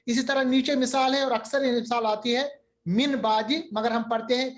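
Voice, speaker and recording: A man's voice: very high voice, fairly even intonation. Patient man teaching Quran recitation. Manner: patient, repeats terms, draws out recited examples slowly. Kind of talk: online tajweed lesson.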